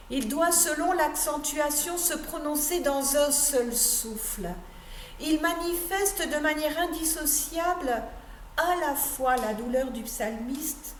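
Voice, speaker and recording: A woman pastor giving a measured meditation on a psalm, stressing key phrases and letting her voice drop at the ends of sentences. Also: high voice. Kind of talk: slow meditative sermon reading. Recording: echoey room with faint background noise.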